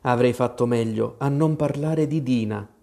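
A man's voice: mid-range voice, normal speed, vocal fry, mellow, lightly acted. A man voicing an earnest, apologetic young girl in a storybook reading. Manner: eager, pleading.

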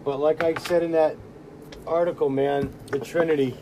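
A man with a slightly raised pitch talks informally, as if with friends over sports. Clear noise sits behind his voice. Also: fairly even intonation, moderate pace. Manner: informal, ends phrases with man. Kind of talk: casual sports chat. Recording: noisy room, clear background noise.

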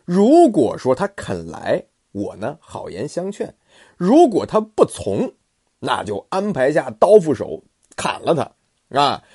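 A man voicing a calm, scheming male advisor in a told classic tale, laying out a plot in measured tones. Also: a little high, breathy edge, pitched above the performer's own voice, full character voice. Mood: plotting.

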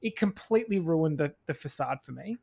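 A man co-hosting a podcast, talking in a casual review chat, animated and opinionated, acting out quotes as he argues. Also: a little high, a little fast, gravelly, breathy edge. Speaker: podcast co-host.

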